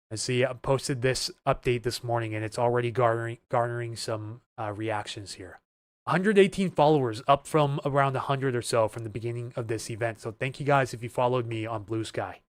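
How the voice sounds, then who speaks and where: A man's voice: medium pitch, no echo. A man hosting a live weather stream, talking casually and urgently to viewers, nervous and earnest. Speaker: weather livestream host.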